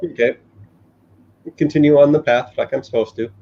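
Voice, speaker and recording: A man's voice: mid-range voice, fairly even intonation, moderate pace, vocal fry, lo-fi sound. A man playing a tabletop role-playing game, talking casually and speaking for his character.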